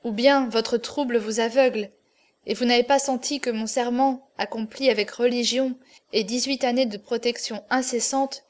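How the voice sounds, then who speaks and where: A woman's voice: on the high side, fairly even intonation, normal speed, close to an everyday voice. A woman reading an audiobook, voicing a proud adult male swordsman who speaks firmly and solemnly. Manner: firm, solemn, cold.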